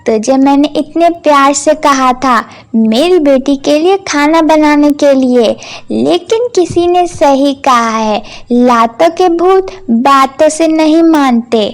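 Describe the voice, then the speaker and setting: A cruel cartoon stepmother barks insults in a raised, higher-than-usual voice, put on by a woman. She is harsh and domineering, loud and sharp-edged. The delivery is slow and deliberate. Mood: scornful angry. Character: cruel scolding stepmother, middle-aged woman. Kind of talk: cartoon voice acting.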